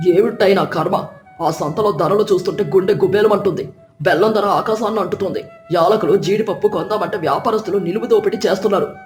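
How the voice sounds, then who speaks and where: A woman's voice: mid-range voice, fast talker, pitched below the performer's own voice, lightly acted. A woman voicing a stingy village husband who grumbles and scolds. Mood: grumbling stingy. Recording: roomy, distant, with soft music.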